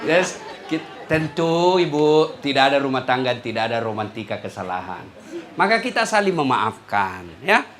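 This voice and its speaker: A man's voice: medium pitch, very animated, moderate pace, fairly bright tone, a faint crowd, a little hiss or hum. A male preacher gives a humorous sermon to a congregation, telling stories and acting out the voices of the people in them. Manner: playful storytelling, acting out quoted voices.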